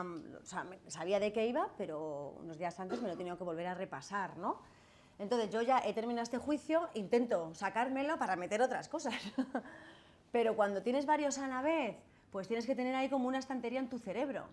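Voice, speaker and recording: A woman's voice: mid-range voice, expressive, a little fast, a little mellow. A woman lawyer with a Spanish accent, giving a casual lecture to students and often checking in with "right?". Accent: Spanish from Spain. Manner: chatty, asks "¿vale?" and "¿no?" often, acts out quoted voices. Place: classroom.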